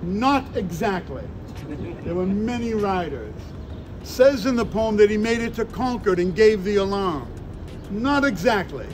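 Declamatory older man, high-pitched town crier delivery. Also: lively intonation, crowd noise. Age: 60s. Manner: emphatic, short dramatic phrases with deliberate pauses. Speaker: costumed Freedom Trail tour guide. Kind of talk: theatrical historical tour narration. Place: outdoors in parks and streets among a tour group. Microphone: handheld phone a few steps away. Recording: phone recording with outdoor city noise.

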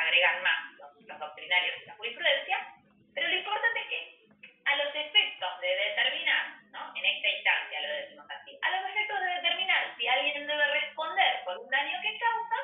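A woman giving a university law lecture, explaining step by step and often checking in with the class. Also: a little high. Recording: echoey, phone-like, from far off.

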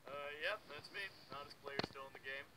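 A man's voice: mid-range voice, a little fast, pushed and bright, low-quality recording. A man voicing a sarcastic loner male contestant in a cartoon, with a dry manner.

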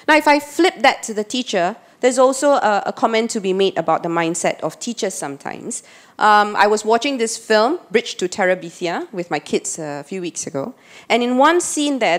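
A woman in her forties with a Singaporean accent, giving an earnest conference keynote into a handheld mic and checking in with listeners by asking "right?". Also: mid-range voice. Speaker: keynote speaker. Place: conference hall, at a podium. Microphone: handheld microphone.

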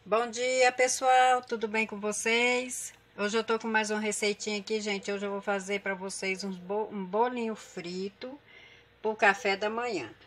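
A cooking channel host with a Brazilian Portuguese accent chats with her viewers, addressing them as "gente," while working through a home cooking tutorial in her kitchen. She speaks in a mid-range, fairly bright voice with fairly even intonation and a measured pace, over slight background noise.

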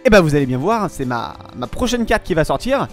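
A man's voice: a little high, big pitch swings, brisk, faint music behind. A young man hosting a casual web radio show in French, rambling with many hesitations and restarts and promising to get back to topics later. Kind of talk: casual solo radio-style chat.

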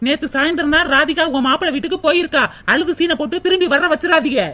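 Woman playing a fast sharp-tongued daughter-in-law. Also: high-pitched. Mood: scolding. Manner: fast and mocking. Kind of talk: cartoon voice acting.

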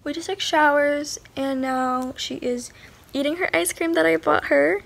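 A woman's voice: high voice, measured pace, gravelly, music in the background. A teenage girl vlogging casually on a handheld camera, bubbly, giggly and a little dramatic. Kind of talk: casual vlog chat. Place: home and mall.

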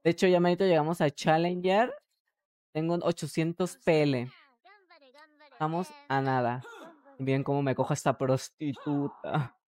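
Low-voiced Mexican woman streamer. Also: steady tone, normal speed, pauses often, a little mellow. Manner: crude, joking, talks to chat. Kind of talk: casual live gameplay commentary.

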